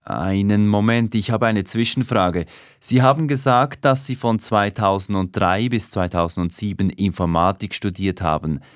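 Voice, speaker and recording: A man's voice: fairly low pitch, a little slow, few pauses, no room sound, clean studio sound, natural voice. A man playing a formal personnel manager. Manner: formal, polite, businesslike. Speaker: head of personnel conducting an interview. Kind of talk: scripted dialogue for language learners.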